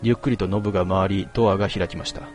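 A man reading a first-person story aloud in a measured, quiet and melancholy way. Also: sits low, steady tone, faint music behind. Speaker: narrator.

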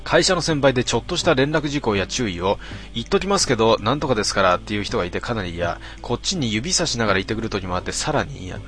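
Man, deadpan comment reader, lively up-and-down intonation, faint music behind. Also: lowish voice, quick pace, hardly any pauses. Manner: deadpan, wry retorts between readings. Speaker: host reading out listener posts. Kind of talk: casual commentary reading comments.

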